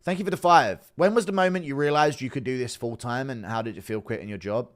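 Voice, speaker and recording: A livestream host with a mid-range voice talks at a quick pace, chatting casually with viewers. His banter is blunt and full of swearing, and he keeps breaking into giggles.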